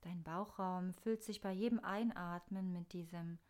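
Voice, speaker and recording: Woman doing a guided meditation, soft soothing voice on the lower side, really slow with pauses. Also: fairly even intonation. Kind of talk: guided meditation, scripted narration.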